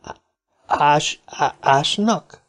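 A man's voice: lively intonation, gravelly, darkish tone. A man voicing a small, nervous, cigar-smoking man who puts on a cheeky front and stammers when frightened, in an audiobook reading. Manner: stammering when scared, high and quick.

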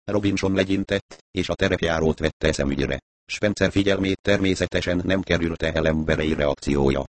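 A man reading an audiobook in a steady, measured narration on a close mic. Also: low-pitched, no room sound.

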